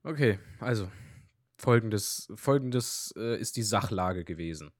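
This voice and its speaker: A young man co-hosting a podcast, telling anecdotes in a lively, slangy way. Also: fairly low pitch, unhurried, dry recording, clean studio sound. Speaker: podcast co-host. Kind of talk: casual chat.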